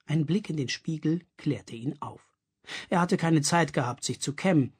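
Husky, expressive storybook reader. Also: medium pitch, normal speed. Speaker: audiobook reader. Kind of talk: scripted narration.

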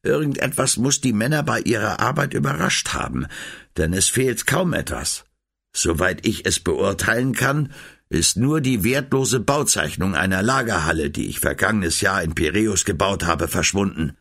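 A man's voice: on the low side, lively intonation, normal speed, vocal fry, a bit bright, breathy edge, exaggerated voice. A man voicing a worried, puzzled middle-aged architect uncle in a storybook reading. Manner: puzzled, reasoning aloud.

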